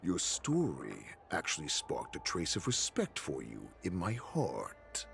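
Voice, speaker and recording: Gravelly wolf warlord villain. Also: male voice, huge pitch swings, fairly bright tone, soft background music, exaggerated voice. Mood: gloating. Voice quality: deep gravelly growl. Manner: slow, mocking, savoring every threat. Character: menacing wolfish beast warlord, male, cruel and gloating. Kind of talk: video game voice acting.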